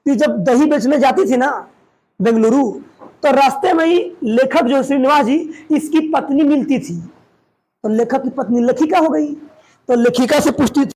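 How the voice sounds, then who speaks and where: High-voiced teacher quizzing a class. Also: male voice, moderate pace, low-quality recording. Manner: quizzes students loudly, retells story in dialect. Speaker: coaching centre teacher. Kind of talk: classroom Hindi lesson with quizzing. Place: classroom with students. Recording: faint room noise and chatter.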